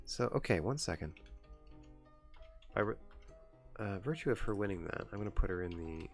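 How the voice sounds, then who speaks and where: A man's voice: on the low side, expressive, moderate pace, soft background music. A young man streaming a wrestling management game, chatting and giggling to himself as he makes choices. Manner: chatty, giggly, talks to himself while deciding. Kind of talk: casual gameplay commentary.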